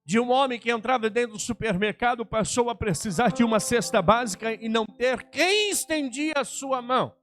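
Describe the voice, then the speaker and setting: A man, a pastor preaching a personal testimony sermon, acting out dialogue and swinging between loud outbursts and hushed lines. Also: extremely high pitch, expressive, normal speed, few pauses. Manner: dramatic, acts out dialogue, swings from shouting to hushed.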